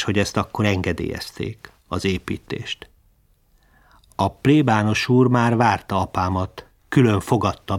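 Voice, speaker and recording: A man narrating a literary memoir in a measured, reflective reading. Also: medium pitch.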